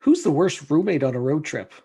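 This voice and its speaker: Podcast host guy, kinda husky and mellow, slightly higher voice, chatty. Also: big pitch swings. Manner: chatty, quick to laugh. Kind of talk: casual interview questions.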